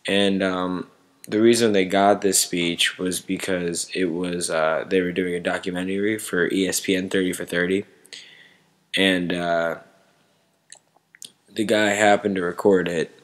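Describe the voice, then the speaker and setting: A man giving casual, unscripted sports commentary to online viewers in a halting way, searching for words. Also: low-pitched, level tone.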